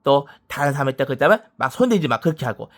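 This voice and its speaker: A man's voice: mid-range voice, sing-song, fast. A man in his thirties speaks in a rambling personal monologue, repeating the same short phrases again and again as he talks. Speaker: vlogger.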